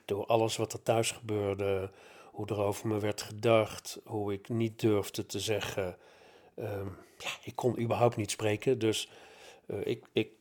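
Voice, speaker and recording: A man's voice: lowish voice, darkish tone. A middle-aged man telling a personal story about his school years, reflective and hesitant, with many fillers.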